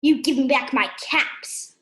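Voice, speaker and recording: A woman voicing an angry male cap peddler who scolds and shouts at monkeys in a storybook reading. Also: high-pitched, measured pace, echoey room. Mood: scolding. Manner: scolding, finger-shaking shouts.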